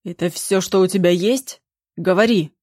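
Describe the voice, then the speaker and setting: Woman playing a raging drunk guy yelling for cash, lowish and slow. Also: no echo, clean studio sound, close to an everyday voice. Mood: furious. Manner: shouting, menacing. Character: drunk, frenzied young man demanding money.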